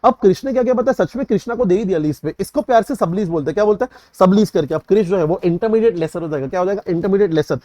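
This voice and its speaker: A man's voice: high voice, very fast, few pauses, dark tone, dry recording. A young man giving an exam revision lecture. He slips English accounting terms into his Hindi and keeps checking whether the students understood. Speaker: CA exam tutor.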